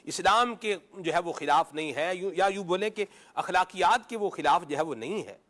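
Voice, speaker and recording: A man's voice: high-pitched, expressive, fairly bright tone. A man on a talk show giving moral advice in style speech, explaining through everyday examples and answering his own questions. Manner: explains with homely examples, asks and answers himself. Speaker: religious talk show panelist.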